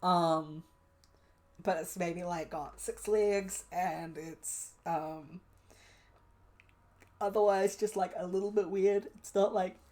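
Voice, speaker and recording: A woman's voice: on the low side, steady tone, takes it slowly, pauses often, dark tone. A young woman streaming a solo tabletop game, reading prompt lists aloud and musing at length with many fillers.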